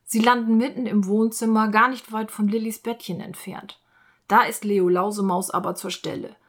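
A woman reading a children's storybook aloud in a clear, expressive, gentle way. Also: mid-range voice, normal speed.

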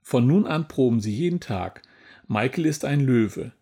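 A man reading a children's picture book aloud in a gentle, even storytelling manner. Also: mid-range voice, measured pace, breathy edge.

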